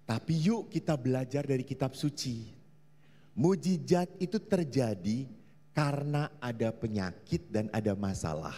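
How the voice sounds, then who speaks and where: Animated priest in an echoing hall. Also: male voice, mid-range voice, measured pace. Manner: animated, quizzing the audience. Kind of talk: humorous sermon at a family seminar. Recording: long hall reverb.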